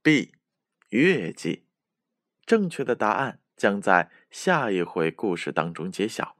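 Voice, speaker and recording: Slow, lilting, low-voiced male storyteller. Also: very animated, fairly bright tone, dry recording, studio quality. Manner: soothing, slow, lilting address to children. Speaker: children's storyteller. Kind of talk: children's bedtime storytelling.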